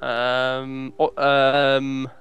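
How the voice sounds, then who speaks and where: A man gaming with friends over voice chat, sorting out settings and calming the group. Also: mid-range voice, very slow, clear, resonant tone. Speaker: gamer. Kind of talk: casual multiplayer voice chat.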